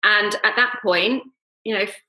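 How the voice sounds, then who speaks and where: Woman, Home Counties southern English accent, bright tone, echoey room, casual candid interview storytelling, informal guest. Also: medium pitch, normal speed, a little hiss or hum. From Surrey, England. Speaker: guest, eyelash technician and business owner. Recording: roomy, echoey sound.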